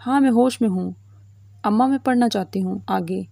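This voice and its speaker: A woman's voice: medium pitch, creaky, mellow, no echo, clean studio sound, close to an everyday voice. A woman voicing a young, stubborn daughter who pleads tearfully. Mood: flat.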